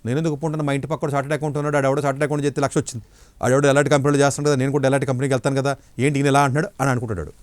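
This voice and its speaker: A middle-aged man, an education counselor, giving blunt, forceful answers in an interview. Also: medium pitch, little pitch movement, racing, no room sound.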